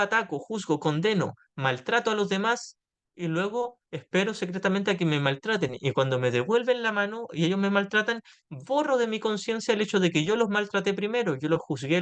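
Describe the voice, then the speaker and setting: High-voiced man giving a spiritual talk. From Chile. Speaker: course study group leader.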